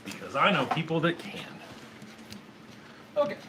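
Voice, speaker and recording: A man's voice: on the high side, huge pitch swings, a little slow. Joking guy swearing at a stubborn part, voice swings up and down, noisy garage with clicks in the back. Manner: joking, cursing at his work. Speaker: guest co-host. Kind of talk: casual banter while working on a truck. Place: home garage. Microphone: host's phone on tripod.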